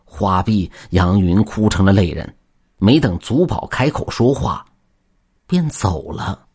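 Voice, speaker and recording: A man narrating a folk tale as a storyteller, in an expressive style that swings from quiet to lively. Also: sits low, unhurried, breathy edge.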